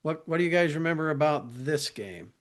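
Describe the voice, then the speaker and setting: A man's voice: fairly high pitch, animated, a little fast. A man hosting a podcast, reading out game stats in short bursts and asking the guests questions. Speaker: podcast host.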